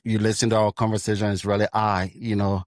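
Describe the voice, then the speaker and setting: A man's voice: on the low side, level tone, quick pace, no echo, clean studio sound. A man from Liberia, a guest on a podcast, asking probing, frustrated questions in casual discussion.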